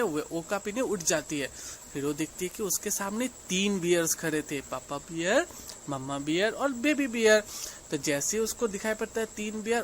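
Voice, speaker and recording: With slight noise behind her, a woman speaks in a lowish voice as she slowly reads English lines from a class storybook in an Indian English accent, following each with a Hindi explanation for young pupils.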